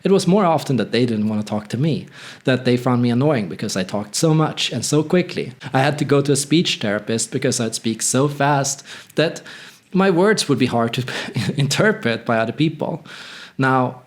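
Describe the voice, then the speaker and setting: A man's voice: mid-range voice, lively intonation, normal speed. Reflective man. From northern Sweden. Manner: reflective, candid, conversational. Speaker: channel host. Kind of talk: personal storytelling monologue.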